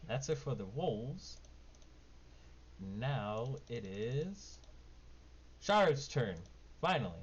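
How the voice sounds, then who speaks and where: A man's voice: mid-range voice, lively intonation, extremely slow, pauses often, breathy edge. A man narrating as game master of a tabletop game, in a casual, informal way. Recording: dull lo-fi mic, background noise.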